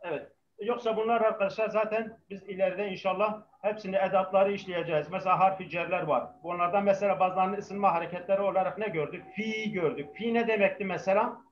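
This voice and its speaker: A man's voice: high voice, fairly even intonation, quick pace, a little hiss or hum. A male language teacher patiently drilling his class, his voice carrying a heavy echo from the microphone. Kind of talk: live class lesson with student call-and-response. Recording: echoing, dull microphone sound.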